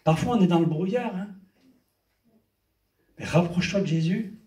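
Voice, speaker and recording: A man's voice: sits high, normal speed, warm tone. An older man preaching a sermon as pastor. He preaches with emphasis and often breaks in with amen and hallelujah. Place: church. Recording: echoey church hall, mic at a distance.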